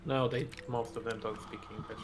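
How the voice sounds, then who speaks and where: A man's voice: mid-range voice, fairly even intonation, brisk. A man chatting casually on a game stream, rambling through stories with lots of ums. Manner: rambling storyteller with many ums. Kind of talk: casual gaming chat.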